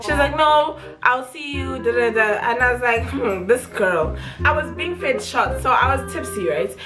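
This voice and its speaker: A young woman with a South African accent telling a casual, chatty story in a giggly, tipsy, animated way. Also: high voice, normal speed. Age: young adult. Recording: music playing behind the voice.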